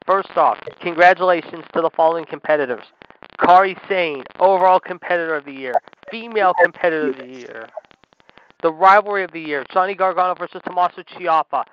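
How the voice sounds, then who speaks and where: A man co-hosting a radio show, calling wrestling play-by-play in an excitable, hyped way. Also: on the high side, brisk, clean tone. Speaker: co-host and play-by-play commentator. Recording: dry, dull lo-fi radio audio.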